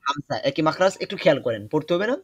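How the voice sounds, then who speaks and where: A young man teaching an online Quran recitation class, patient and repetitive, often pausing with hesitations. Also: on the high side, animated, breathy edge, no room sound, dull audio. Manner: patient, repeats instructions, many hesitations.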